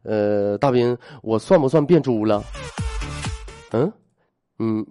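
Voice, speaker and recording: A male radio host on a live call-in show, reading listener messages and telling jokes with quick, wry asides. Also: fairly low pitch, dark tone. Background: faint electronic music.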